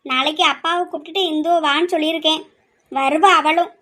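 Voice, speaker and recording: A woman voicing a worried middle-aged mother who pleads slowly and sometimes scolds. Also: high-pitched, fairly even intonation, a bit bright. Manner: slow, pleading, scolding at times. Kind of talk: amateur family drama.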